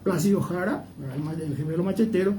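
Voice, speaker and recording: As a guest, a man with a Paraguayan accent offers conversational commentary on history, wandering off on tangents and frequently using tag questions to check that you agree. His voice is a little high and dark-toned, and he talks fast. The microphone is distant and the recording noisy.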